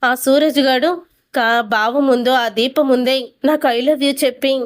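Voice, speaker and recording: A woman's voice: high voice, fairly even intonation. A woman voicing an angry young granddaughter snapping back at her grandmother. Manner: sharp, fast retorts.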